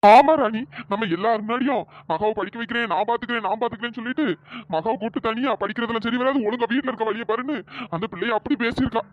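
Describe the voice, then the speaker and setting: A voice actor voicing a stern middle-aged cartoon father who reproaches his family, with a pitch-shifted voice. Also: fast talker, dry recording. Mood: bitter. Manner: reproachful, lecturing. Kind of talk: cartoon storytelling dialogue. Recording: dry, dull lo-fi sound.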